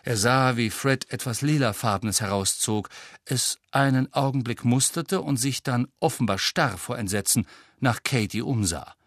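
A man narrating an audiobook in a lively, expressive reading style. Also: mid-range voice, moderate pace, no echo, studio quality. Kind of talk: scripted narration.

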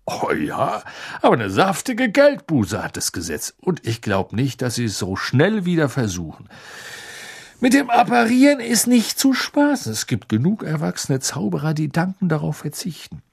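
Ein Mann, der in einem Hörbuch einen fröhlichen, väterlichen Zauberer mittleren Alters spricht. Die Stimme klingt eifrig und erklärend und ist deutlich angehoben. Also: male voice, fairly high pitch, wildly swooping pitch, moderate pace, creaky, breathy edge, pitched above the performer's own voice, full character voice. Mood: eager explaining. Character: cheerful fatherly wizard, middle-aged man.

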